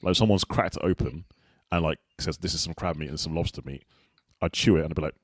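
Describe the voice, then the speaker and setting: Fast-talking low-voiced man hosting. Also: slightly rough, dry recording, clean studio sound. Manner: quick, jokey, teasing questions. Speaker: host. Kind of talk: casual chat.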